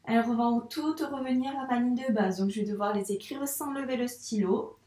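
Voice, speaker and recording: Her voice on the high side and dark in tone, a young primary school teacher teaches handwriting to young children at a normal speed. She patiently poses questions and answers them herself, with a roomy sound to the recording.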